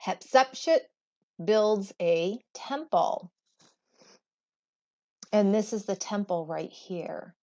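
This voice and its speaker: The sound is lo-fi as a teacher reads a children's textbook aloud in her mid-range voice. Her delivery is expressive and unhurried, shaped like a storybook with well-placed pauses.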